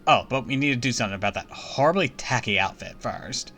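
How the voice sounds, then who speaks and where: A man's voice: medium pitch, expressive, fairly quick, sharp tone, faint music behind. A man voicing a haughty young fairy princess from a game, with a cocky, bossy Valley Girl delivery. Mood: cocky, challenging. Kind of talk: playful game dialogue read-aloud.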